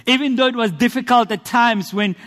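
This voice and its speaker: A South African man preaches a sermon and shares his testimony in a church hall, his voice extremely high, fairly quick and a bit bright. He is earnest and rhetorical, building emphasis through repetition, and the hall adds a long reverb.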